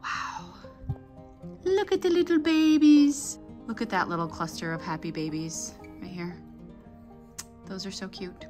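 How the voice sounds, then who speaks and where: A woman's voice: medium pitch, unhurried, pauses often, darkish tone, soft background music. A woman in her thirties, a flower farmer, chatting enthusiastically in a casual vlog from her basement seed-starting room on a handheld phone camera.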